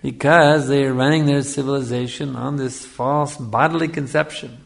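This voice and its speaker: A spiritual teacher delivers a Hare Krishna style lecture on scripture, teaching didactically, repeating phrases for emphasis and checking in with his listeners. His gravelly voice is medium in pitch, with fairly even intonation at a normal speed.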